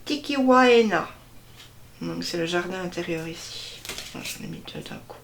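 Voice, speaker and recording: A woman slowly presenting a deck of cards one by one, hesitating often and stressing each card name. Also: fairly low pitch, monotone, gravelly, slight background noise. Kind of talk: casual card unboxing walkthrough.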